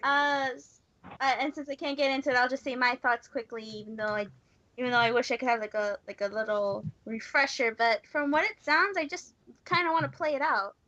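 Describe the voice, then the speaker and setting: High, bright-voiced giggly woman host. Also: fairly even intonation, fairly quick, muffled recording. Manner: giggly, calls on each speaker in turn. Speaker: podcast host. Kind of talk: casual group chat.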